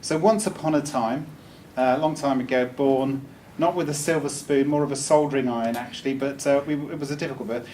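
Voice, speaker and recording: This brisk, mellow speaker keeps a steady tone at medium pitch. He's a Welsh man delivering a joking, conversational talk to an audience in a meeting room, with plenty of ums and restarts, heard through a distant mic over faint room noise.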